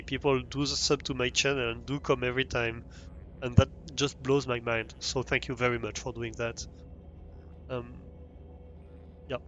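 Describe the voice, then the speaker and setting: A man's voice: medium pitch, a bit bright, slight background noise. A young man with a French accent, streaming a game live and chatting with viewers, hesitant with many fillers and restarts. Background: faint music.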